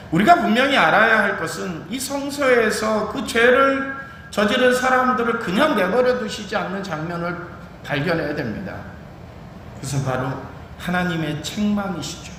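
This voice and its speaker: A man with a high-pitched voice delivers a sermon, rising sharply and slowing down on stressed words. His voice booms around a very echoey church hall with a long reverb tail. A faint hiss of noise sits under it. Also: fairly bright tone. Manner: emphatic preaching with sudden rises and slowed stresses. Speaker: pastor. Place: church sanctuary.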